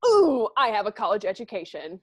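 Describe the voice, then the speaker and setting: A woman's voice: medium pitch, sing-song, fairly quick, no echo. Casual woman podcaster bantering, close dry sound. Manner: informal, freely swearing. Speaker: podcast co-host.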